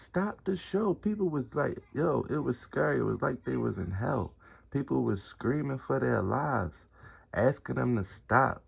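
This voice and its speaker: Gravelly young-sounding man, slangy eyewitness. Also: mid-range voice. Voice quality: gravelly, husky. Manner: slangy, rambling, repeats "you know what I'm saying". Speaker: concertgoer giving an eyewitness account. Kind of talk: casual street interview.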